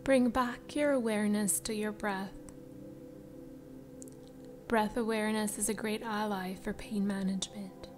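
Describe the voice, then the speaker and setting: Soft, whispery woman guiding meditation, slow. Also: mid-range voice, steady tone. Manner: soft, breathy, soothing spa voice trailing into whispers. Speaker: meditation guide. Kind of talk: slow guided meditation narration. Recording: music behind the voice. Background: background music.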